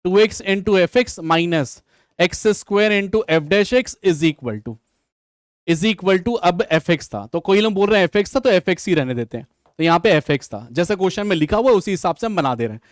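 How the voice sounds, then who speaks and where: High-voiced Hindi maths teacher, dry sound. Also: male voice, expressive, unhurried, no echo. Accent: Hindi mixed with English maths terms. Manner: addresses students directly, reads comments, thinks aloud. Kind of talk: live online exam solution class.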